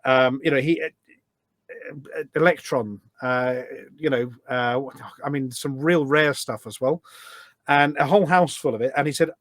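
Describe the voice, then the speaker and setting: Here a volunteer event organiser, a middle-aged man, is the guest on a podcast. His medium-pitched voice moves at normal speed with no room sound as he talks casually and at length in a relaxed interview, explaining things anecdotally.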